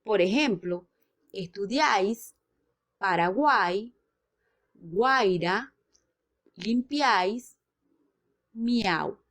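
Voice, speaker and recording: Slow, deliberate female teacher. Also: medium pitch, lively intonation, fairly bright tone. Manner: slow, deliberate, spelling out examples. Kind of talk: educational lesson narration.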